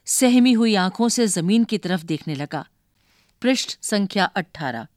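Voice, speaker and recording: A woman reading a children's story aloud, narrating in a measured way and announcing page numbers. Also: medium pitch, lively intonation, darkish tone, no echo, studio quality.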